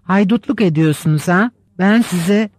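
A man's voice: high voice, a little slow, darkish tone, no echo. Angry little infantry officer read by a man. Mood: threatening. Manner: threatening, indignant. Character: angry small thin male infantry officer.

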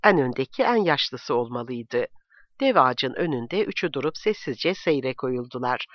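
A man reading a novel aloud as narrator in a steady, measured way. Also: medium pitch, no room sound. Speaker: audiobook reader. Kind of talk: scripted narration. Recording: dull, dry recording.

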